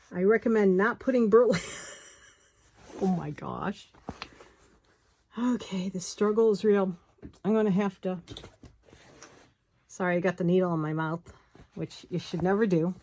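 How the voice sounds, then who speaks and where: A woman's voice: mid-range voice, a little mellow, a little hiss or hum. A woman giving a casual hands-on tutorial, chatting and talking to herself as she works, with apologetic asides. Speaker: crafter demonstrating bookbinding. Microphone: phone camera close by.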